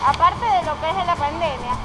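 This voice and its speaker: High-voiced woman with loud music. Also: animated, normal speed, rough recording. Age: 30s. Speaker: street vendor. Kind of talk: street interview answers. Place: outdoors on a city street. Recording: loud music under street audio.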